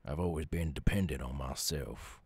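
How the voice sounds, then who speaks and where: Hesitant and touched, this lonely werewolf with a soft side is voiced by a man in an intimate audio roleplay, speaking quietly and in fits and starts. The gruff Southern character has a husky, gravel-heavy, extremely deep voice, and the dry recording captures a heavily acted performance.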